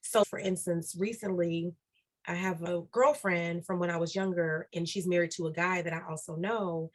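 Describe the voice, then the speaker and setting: A woman's voice: lowish voice, fairly even intonation, normal speed. A woman guest on a podcast interview, talking earnestly and repeating key phrases for emphasis. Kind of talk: reflective podcast interview talk.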